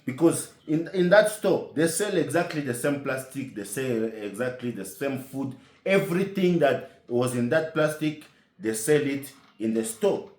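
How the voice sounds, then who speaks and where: A man telling a comic story as a monologue, animated and indignant, firing rhetorical questions. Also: medium pitch, a little slow, reverberant.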